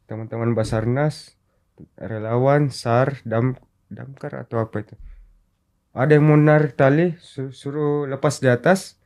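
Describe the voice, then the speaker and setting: A man with a mid-range voice and a measured pace tells the story of a mountain rescue during a casual interview. A rescue volunteer appearing as a guest, he's an animated storyteller who acts out the quoted dialogue as he goes.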